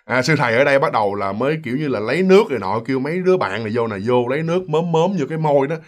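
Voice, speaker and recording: A man's voice: mid-range voice, expressive, rapid-fire. A man narrating a ghost story in a chatty way, talking straight to his listeners. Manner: chatty, addresses listeners directly. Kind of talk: casual storytelling.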